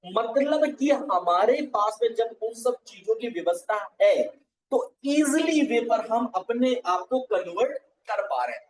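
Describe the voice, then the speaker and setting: A man's voice: very high-pitched, expressive, measured pace, distant mic, crowd noise. A man giving a live farming training, explaining step by step and checking often that viewers follow. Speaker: agriculture trainer. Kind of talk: live online teaching session. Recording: echoey room, voice set back from the mic.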